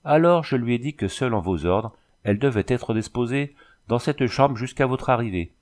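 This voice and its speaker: A man's voice: medium pitch, lively intonation, moderate pace, a little mellow, lightly acted. A man voicing a scheming, fearful old woman who fusses and pleads. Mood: fawning. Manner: pleading, fussy. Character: scheming old female lodging-keeper, fearful and fawning.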